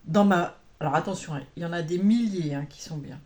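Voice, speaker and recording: A woman's voice: on the low side, fairly quick, mellow. Chatty woman rambling with many fillers. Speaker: cross-stitch vlogger. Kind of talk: casual chat to camera.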